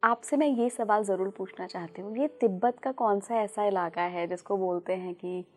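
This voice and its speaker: A woman's voice: medium pitch, moderate pace. Curious woman podcast host. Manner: curious, respectful questioning. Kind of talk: podcast interview.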